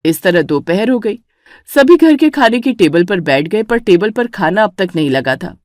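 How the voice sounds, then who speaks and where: A woman narrating a cartoon story in an even storytelling manner. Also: medium pitch, moderate pace, no echo, studio quality.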